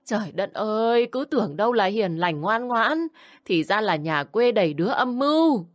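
A woman's voice: on the low side, expressive, normal speed, no echo, studio quality, natural voice. A woman voicing a bossy, contemptuous older mother-in-law who scolds and sneers. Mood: ranting.

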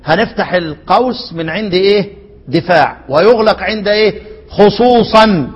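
An Egyptian male teacher with a high, husky voice works through a recitation poem line by line. He chants each verse slowly and keeps prompting the class to fill in the missing word. The sound trails off in a long reverb. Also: animated, highs cut off. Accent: Egyptian Arabic. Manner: asks questions and lets students fill in the answer.

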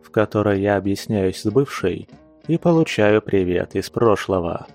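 A man narrating an audiobook with a steady, measured reading. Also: on the low side, soft background music.

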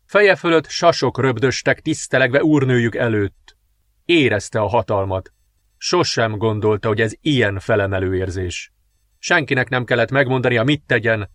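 A man narrating a dark fantasy audiobook with measured, dramatic storytelling. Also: mid-range voice, no room sound, clean studio sound.

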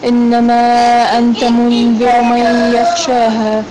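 A woman reciting in a lesson, halting and restarting words. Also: on the high side, monotone. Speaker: recitation student. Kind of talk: Quran recitation. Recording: clear background noise.

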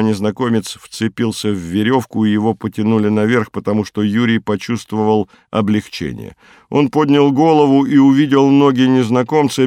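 A man narrating an audiobook in a measured, even reading. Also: on the low side, clean tone, no room sound, studio quality. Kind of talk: scripted narration.

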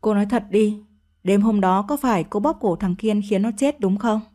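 A woman's voice: medium pitch, moderate pace, warm tone, lightly acted. A woman voicing a harsh older mother-in-law who scolds and accuses her daughter-in-law in an audio story. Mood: scolding.

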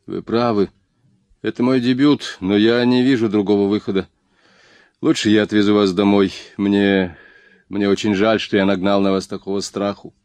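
A man's voice: fairly low pitch, level tone, moderate pace, a little mellow, no echo, close to an everyday voice. A man reading the lines of a shy, hapless young man who stumbles over his words in an audiobook. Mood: sheepish. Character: timid, hapless young man posing as a robber.

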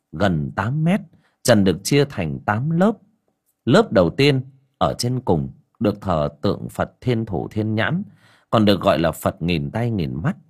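A man narrating an audiobook story in a steady, descriptive storytelling manner. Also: lowish voice.

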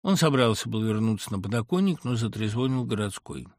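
A man narrating a literary audiobook in an expressive, ironic way, hitting words with sudden emphasis. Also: lowish voice, fairly quick, no room sound, clean studio sound. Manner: expressive, ironic reading with sharp emphatic jumps.

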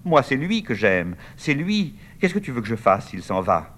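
A man's voice: mid-range voice, very animated, normal speed, a bit bright, pitched above the performer's own voice. A man reading a play aloud, voicing a fragile young woman who is tearful, lovesick and pleading. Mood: despairing.

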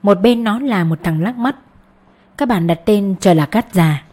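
A woman narrating a literary story as an audiobook reader, in a steady storytelling manner. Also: medium pitch, measured pace, slightly rough.

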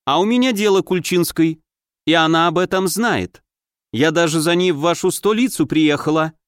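A man's voice: a little high, normal speed, clean tone, no echo, close to an everyday voice. A blunt, hot-tempered young foreign princess, as a male audiobook narrator puts her on, speaking with a strong foreign accent in a raised voice. The sound is close and dry. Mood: indignant. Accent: strong foreign accent in Russian, put on. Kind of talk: audiobook character voice.

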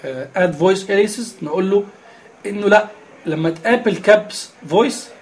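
A man's voice: high voice, a little fast. A man with an Egyptian Arabic accent explaining a screen reader step by step, with many filler sounds. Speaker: instructor.

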